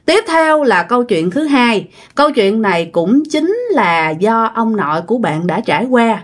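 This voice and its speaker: A woman's voice: on the high side, very animated, measured pace. Chatty Southern Vietnamese woman storyteller. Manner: chatty, addresses listeners directly, many tag particles. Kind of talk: casual ghost story telling.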